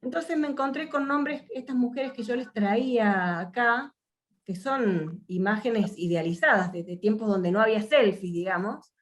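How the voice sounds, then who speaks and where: A workshop facilitator from Mendoza, speaking Argentine-accented Spanish in a slightly high voice at normal speed, guides an online session over a video call. She sounds reflective, frequently using fillers and starting over.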